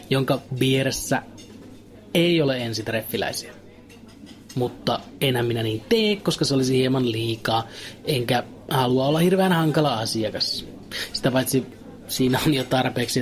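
A man with a mid-pitched voice delivers a deadpan comic monologue. His telling is dry and ironic throughout.

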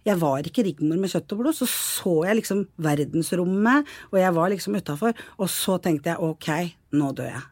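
A Norwegian woman with a husky voice, casually telling a personal story in a podcast conversation and acting out the people in it. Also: fairly low pitch, few pauses, dry recording. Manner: lively storyteller, acts out voices. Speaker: podcast co-host sharing her story.

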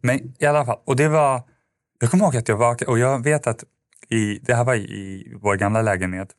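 A man's voice: mid-range voice, steady tone, no echo, studio quality. A man, a podcast guest, telling a personal story in a casual, rambling way with lots of fillers and restarts.

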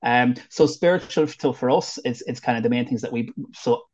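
A man's voice: medium pitch, normal speed, a little mellow. A man with an Irish accent, a wedding celebrant from the northwest of Ireland, chatting in an interview with lots of fillers and restarts. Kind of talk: casual interview chat. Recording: dull lo-fi audio.

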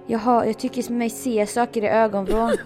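Animated storytelling woman, higher voice. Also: faint music behind. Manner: animated storytelling, frequent laughs. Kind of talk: casual chat.

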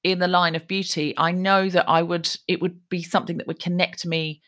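Lively storytelling woman, low voice. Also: fairly quick. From Australia. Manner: animated, lively anecdotes. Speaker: guest. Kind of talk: conversational storytelling.

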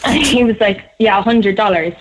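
A young woman in her twenties with a Cork Irish accent, telling a story quickly and animatedly on a radio show, often laughing. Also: medium pitch. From Cork, Ireland. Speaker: guest storyteller. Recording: slightly dull radio sound.

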